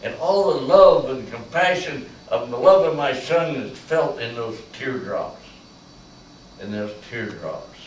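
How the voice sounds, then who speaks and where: An older man, a veteran, performing a slow, emotional spoken-word monologue that swells to loud peaks on key lines. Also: mid-range voice, lively intonation, a little hiss or hum. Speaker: Vietnam veteran storyteller. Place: large echoey college room. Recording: echoey room from far off.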